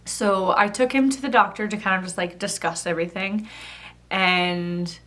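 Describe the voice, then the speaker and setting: A woman's voice: mid-range voice, steady tone, moderate pace, fairly bright tone. A thirty-year-old woman vlogging, telling a personal story in a chatty, casual way with lots of "like". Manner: chatty, fillers of "like" throughout.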